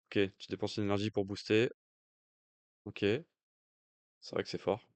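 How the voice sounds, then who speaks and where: A French-accented man talks through a card game match in an easy, chatty commentary style, pausing on fillers as he thinks aloud. His voice sits fairly low and comes across clean and smooth. The recording is dry, with no room echo. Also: monotone. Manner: jokey aside in accented English. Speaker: stream commentator.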